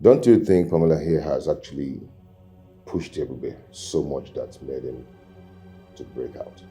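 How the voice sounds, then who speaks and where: An actor playing a reasoning prince in a film drama, measured and persuasive. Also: male voice, very deep voice, dark tone, faint music behind. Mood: measured, pleading. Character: reasoning prince pleading with his father.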